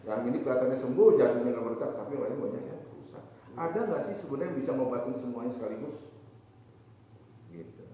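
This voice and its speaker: A man preaching at a boarding school, lively, asking his listeners questions and answering them himself. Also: medium pitch, quick pace, slight background noise. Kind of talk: evening religious talk to students. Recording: distant, echoey hall, dull lo-fi sound.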